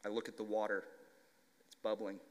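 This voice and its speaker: A young man who stutters, slowly reading a children's story aloud to a conference audience. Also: lowish voice, completely flat delivery. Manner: stutters, slow deliberate reading. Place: conference hall. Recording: long reverb of a large hall.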